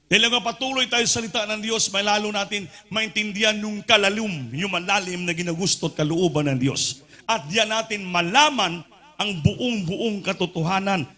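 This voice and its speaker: A man from the Philippines preaching a sermon at an overnight prayer meeting, mixing Tagalog and English, calling out for responses from the congregation and shouting at the peaks. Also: high voice, normal speed. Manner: fervent call-and-response with the congregation.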